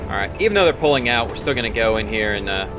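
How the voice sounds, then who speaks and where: A man's voice: medium pitch, lively intonation, very fast. A man giving casual, explanatory gameplay commentary in a matter-of-fact way. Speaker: let's play host. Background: game music and battle effects.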